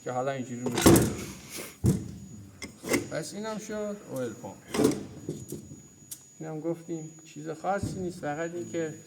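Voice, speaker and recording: Workshop instructor, man, slightly high voice, shop noise behind him, repeats terms as he points at parts. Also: creaky, long pauses. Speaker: mechanics instructor. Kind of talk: hands-on workshop lesson. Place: auto repair workshop.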